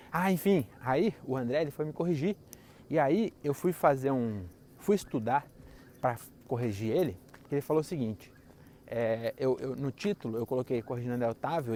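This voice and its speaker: A man's voice: medium pitch, a little mellow. Young brazilian guy rambling while he walks outside, sarcastic, bit of street noise behind. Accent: Brazilian Portuguese. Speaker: vlogger. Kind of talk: walking vlog monologue. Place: outdoors, walking.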